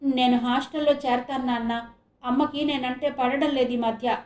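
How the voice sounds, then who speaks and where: A woman voicing a hurt college-aged daughter who pleads in a high, tearful way. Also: steady tone, normal speed, a little mellow, roomy sound, natural voice. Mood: puzzled.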